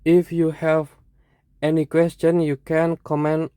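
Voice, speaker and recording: A teacher with an Indonesian accent, explaining a lesson in short, halting phrases and correcting themselves. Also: medium pitch, completely flat delivery, dark tone, clean tone, dry recording.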